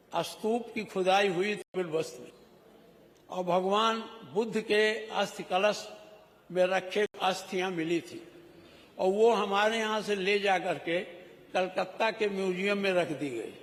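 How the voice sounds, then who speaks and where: A middle-aged man giving a rhetorical floor speech as a legislator, scolding and teasing the ministers. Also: high-pitched. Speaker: legislator speaking in the state assembly. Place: large legislative chamber. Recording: echoey hall broadcast audio.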